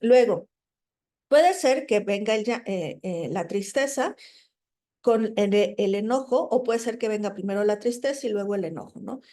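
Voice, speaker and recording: A woman lectures in a relaxed, conversational way, pausing on fillers and tagging her points with questions to the class. Her voice is mellow and soft-edged, at an ordinary middle pitch. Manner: conversational, frequent "¿no?" tags and fillers; acts out quoted people while explaining. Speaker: teacher. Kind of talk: recorded lecture.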